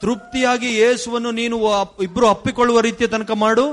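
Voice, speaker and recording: A male interpreter rendering a sermon phrase by phrase, brisk and following the preacher's tone. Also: very high voice, little pitch movement, fairly bright tone.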